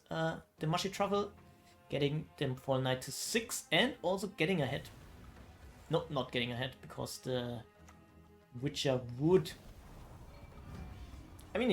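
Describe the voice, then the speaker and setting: A man casting a card game match as esports commentary, casual and exclaiming, often thinking out loud. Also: a little high. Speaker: esports caster.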